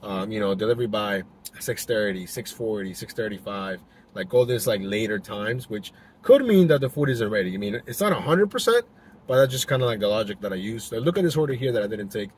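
Brisk and animated, a young man with a lowish voice talks loosely to a dash-mounted camera as he drives. His casual vlog chatter is full of fillers and restarts. In the background there's faint car noise.

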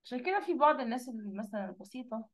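A woman with an Egyptian Arabic accent leads an online religion lesson over a call. Her voice sits a little high, and her delivery is lively. She slows down to stretch out sounds when she models their pronunciation. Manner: lively, drawn-out pronunciation demonstrations. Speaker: religion teacher.

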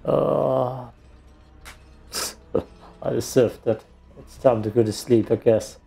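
Over soft background music, this German-speaking let's play host from Austria offers casual commentary on his gaming, full of jokes at his own expense. He talks slowly in a medium-pitched, gravelly voice with a warm tone.

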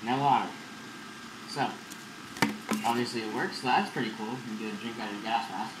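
Young guy, vlogger muffled through a gas mask, rambling and casual, echoey room with loud noise behind. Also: mid-range voice, a little fast. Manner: relaxed, rambling, filler-heavy. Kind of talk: casual product demo.

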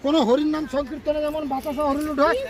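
Over crowd noise, a man with a very high, fairly flat voice talks very fast while filming a casual family travel vlog. He chats, teases his relatives and bursts into song, first on a beach at night and later at dinner.

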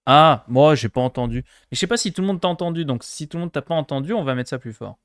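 A man from France commenting casually on a game he is streaming, playful and quick to laugh. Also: on the high side, dry recording, clean studio sound. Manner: playful, laughing, mimics accents.

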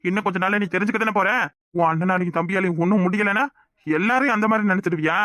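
Guy doing a bullying cartoon husband, high and quick, threatening, kanyakumari tamil accent, bright dry. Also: dry recording. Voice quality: threatening and gruff. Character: hot-tempered bullying village husband, young adult. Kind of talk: cartoon voice acting.

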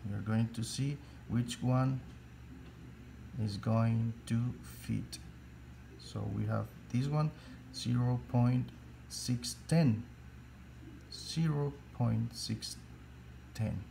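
A man whose first language is Spanish, speaking with a Spanish accent, teaches an electrical calculation slowly and step by step, halting and restarting phrases while he searches for English words. His voice is mid-range, gravelly and dark in tone, with slight background noise in the recording.

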